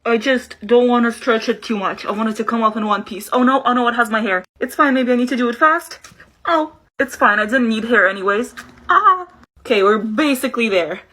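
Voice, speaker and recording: Bright, chatty woman makeup vlogger. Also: a little high, fairly quick. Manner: chatty and playful, with excited exclamations. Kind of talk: casual chat.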